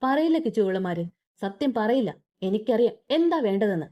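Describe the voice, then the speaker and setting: A woman's voice: a little high, expressive, normal speed, warm tone, natural voice. Woman voicing a furious young husband. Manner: harsh, threatening, clipped.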